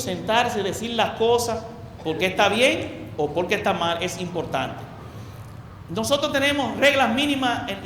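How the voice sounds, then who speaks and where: A man preaches to a gathered congregation with a very high, bright voice. He stresses points by repeating words and by turning questions on his listeners. His voice rings through a large, echoey hall over a faint background hum. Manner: asks the audience questions.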